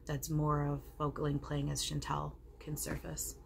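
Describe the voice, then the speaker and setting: Woman medium channeling a blunt loving spirit guy, low voice, emphatic and sweary seance talk, some room noise. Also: completely flat delivery, moderate pace, gravelly. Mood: reassuring. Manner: emphatic, profane, reassuring, preachy. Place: home living room. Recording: noticeable background room noise.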